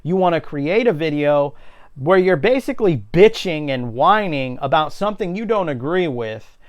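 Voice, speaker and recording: A man's voice: a little high, lively intonation, moderate pace, muffled recording. A man giving a casual, unscripted opinion rant, blunt and indignant, swearing often. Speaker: video creator giving commentary.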